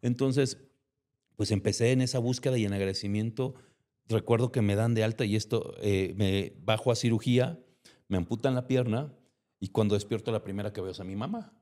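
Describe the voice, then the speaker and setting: Warm-voiced Mexican man telling his story. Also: lowish voice, fairly quick. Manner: emotional storytelling, acts out remembered dialogue. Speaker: guest. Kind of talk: personal testimony in an interview.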